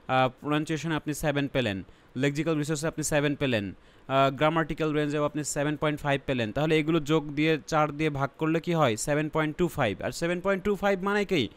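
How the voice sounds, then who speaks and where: A young Bangladeshi man teaching an online exam-prep class, his voice sitting a touch high. He walks through each point step by step, slips English terms into his explanations and keeps asking whether the students follow. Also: smooth. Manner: explains step by step, checks in with "ঠিক আছে?". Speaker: IELTS teacher. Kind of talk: online lesson.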